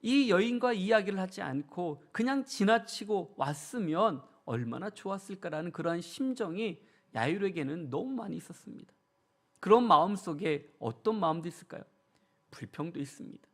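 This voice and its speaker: A man preaching a sermon in a church, earnest and full of rhetorical questions, moving between soft passages and raised, emphatic ones. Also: high-pitched, lively intonation, normal speed. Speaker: pastor. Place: church sanctuary.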